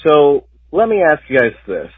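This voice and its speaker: A man's voice: a little high, big pitch swings, moderate pace, slightly rough, dry recording. Man, voicemail message, phone-line sound, dry, casual question to hosts. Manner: chatty, asks the hosts a question. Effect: voicemail played on the show. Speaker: caller.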